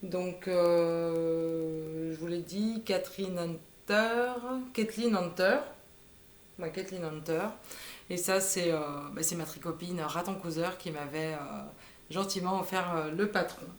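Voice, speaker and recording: Woman, 30s, slow unhurried knitting vlogger, halting delivery, roomy echo. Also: fairly low pitch, steady tone. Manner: hesitant, lots of "euh" fillers. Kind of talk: casual show-and-tell chat. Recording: echoey room.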